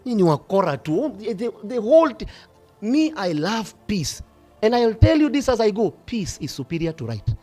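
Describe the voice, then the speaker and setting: A middle-aged bishop with a Kenyan accent, preaching passionately, swinging from hushed asides to loud rebukes. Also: male voice, sits high, sing-song, moderate pace, faint music behind. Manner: passionate, switching between whispers and shouting. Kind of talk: fiery sermon.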